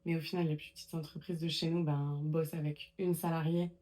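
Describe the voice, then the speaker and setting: A chatty woman telling her story in a relaxed interview, with a slightly low voice. She talks in a loose, conversational way, full of fillers and restarts. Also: brisk. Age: 20s. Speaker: guest. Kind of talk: casual interview chat.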